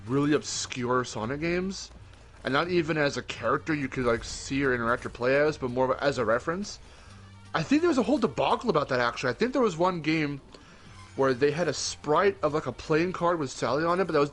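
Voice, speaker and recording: This young podcast co-host has a slightly high, somewhat bright voice that sounds groggy, like it's early morning. He chats casually and rambles, correcting himself as he goes and letting slip the occasional swear word.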